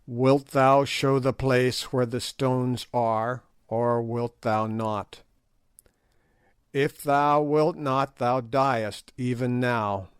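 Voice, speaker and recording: A man voicing a stern king who speaks in grave, slow, archaic commands. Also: mid-range voice, fairly even intonation, clear, resonant tone, no room sound, clean studio sound.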